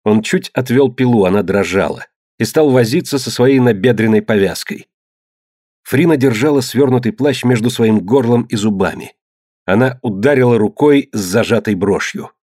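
A man reading an adventure novel aloud in a measured, dramatic manner. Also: mid-range voice, a little mellow, dry recording, clean studio sound. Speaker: narrator. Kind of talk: scripted audiobook narration.

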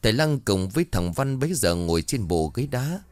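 A man narrating a ghost story in animated storytelling. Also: medium pitch, a little fast, no room sound.

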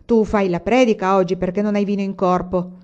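A woman's voice: mid-range voice, fairly even intonation, a little fast, a little mellow, lo-fi sound, natural voice. A woman reading aloud, voicing a grumpy old man who curses and sneers at the young. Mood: cursing. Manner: gruff, cursing and sneering. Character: grumpy old male vegetable grower, cursing.

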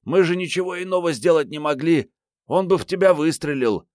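A man's voice: on the high side, animated, a little fast, darkish tone, dry recording, studio quality, voice pushed up, natural voice. A male audiobook reader voicing a bold, teasing young woman fighter. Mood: brash teasing.

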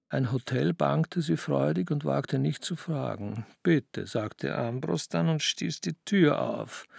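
Knarziger Erzähler, trocken. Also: male voice, mid-range voice, gravelly, breathy edge, dry recording, clean studio sound. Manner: measured, expressive. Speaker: narrator. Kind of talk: literary audiobook reading.

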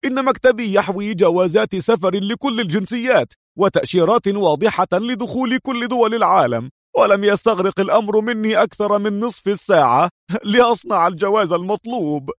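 A man's voice: sits high, animated, a little fast, no echo, studio quality, voice pushed up. A man doing an offhand, easygoing forger. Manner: casual, offhand, slightly raised voice. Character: easygoing male forger, nonchalant friend.

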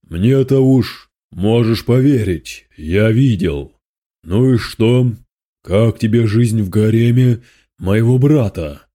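A man's voice: on the low side, slow, warm tone. A man reading aloud, voicing a spiteful male demon lord who hisses and gloats with scorn. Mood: mocking.

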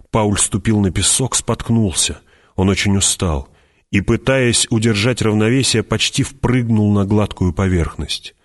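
Low-voiced man reading an audiobook. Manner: measured, drops voice low and slows on tense moments. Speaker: audiobook narrator. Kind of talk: scripted dramatic narration.

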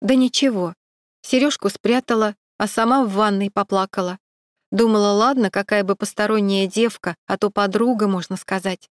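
A woman's voice: medium pitch, fairly even intonation, normal speed, no room sound, close to an everyday voice. A woman reading the part of a divorced woman who frankly and ruefully confides a husband's betrayal, in a dry close recording. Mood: bitter. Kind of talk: audiobook dialogue.

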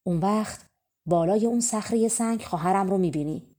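A woman's voice: medium pitch, mellow, lightly acted. A woman reading a fairy tale and voicing a worried queen stepmother who speaks urgently.

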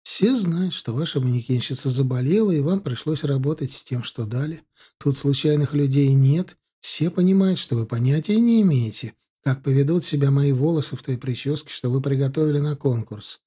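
A man voicing a calm, level-headed young bride who speaks soothingly. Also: mid-range voice, moderate pace, breathy edge, lightly acted.

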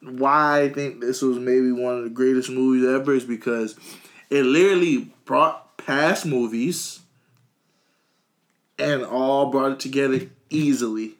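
Young male co-host, mid pitch, blunt playful banter. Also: unhurried. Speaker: podcast co-host. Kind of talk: casual podcast chat.

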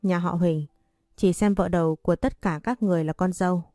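A woman voicing a calm, shrewd and caring old nanny in a spoken story. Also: fairly low pitch, brisk, no room sound, clean studio sound, faint music behind, close to an everyday voice. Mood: calm cutting. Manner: calm and cutting.

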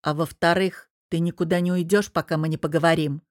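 A woman's voice: lowish voice, moderate pace, no echo, clean studio sound, natural voice. A woman voicing an angry, domineering businessman husband who growls and presses hard. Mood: stern. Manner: growling, forceful.

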